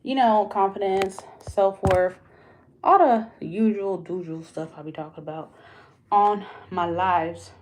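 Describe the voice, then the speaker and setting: A woman's voice: mid-range voice, unhurried, a little mellow, a little hiss or hum. Candid woman chatting on a home livestream. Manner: candid and confiding, addressing viewers as "y'all". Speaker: livestream host. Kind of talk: casual livestream chat. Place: indoors at home. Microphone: phone livestream.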